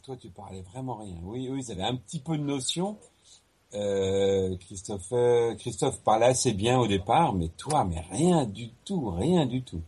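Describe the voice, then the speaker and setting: A man from France talking in a casual, conversational way, as in a relaxed chat with someone he knows. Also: medium pitch, unhurried, breathy edge.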